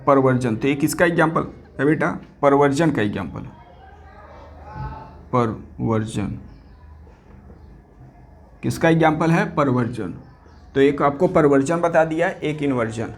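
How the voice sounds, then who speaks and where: A man teaching physics to exam candidates, his voice sitting a little high. He keeps throwing questions at the class and answering them himself, repeating key terms and slipping English words into his Hindi. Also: normal speed. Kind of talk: exam-prep lecture.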